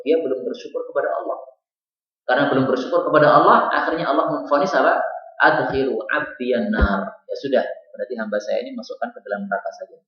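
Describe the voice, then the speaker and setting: Male preacher in a booming echoey hall. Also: dull audio. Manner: storytelling, explains Arabic phrases line by line. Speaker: Quran teacher. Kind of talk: religious lesson. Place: mosque hall.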